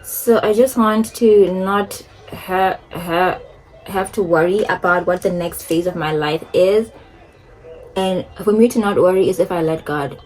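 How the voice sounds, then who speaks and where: A woman's voice: fairly low pitch, measured pace, darkish tone. Chatty young woman vlogging while doing makeup. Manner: chatty and rambling, laughing often. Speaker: beauty and lifestyle vlogger. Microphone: phone.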